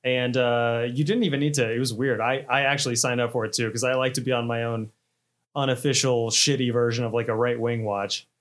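A man's voice: mid-range voice, steady tone, fairly quick, fairly bright tone. A man, hosting a casual podcast chat, rambling and self-deprecating with frequent laughs. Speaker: podcast host.

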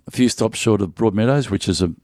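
A middle-aged comedian from Melbourne, Australia, is the guest in a casual interview, chatting and telling jokey stories with lots of restarts. His voice is on the low side and a little mellow, and he talks quickly. The studio-quality recording has no echo.

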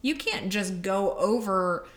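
A woman's voice: medium pitch, animated, takes it slowly. A woman co-hosting a podcast, giving writing advice in a frank, punchy, casual chat. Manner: candid, punchy, laughing. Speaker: podcast co-host, author.

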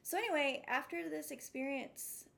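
A woman's voice: sits high, moderate pace, vocal fry, fairly bright tone. A woman from West Texas with a drawling twang, telling stories casually as a podcast guest. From West Texas, United States. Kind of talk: casual interview storytelling.

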